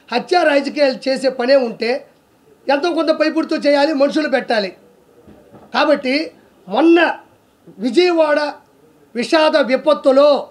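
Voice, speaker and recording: A man with a very high-pitched voice rants about politics in a sarcastic, scolding tone. He fires off rhetorical questions one after another and mocks his target as he goes. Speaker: comedian giving political commentary. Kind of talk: heated political rant.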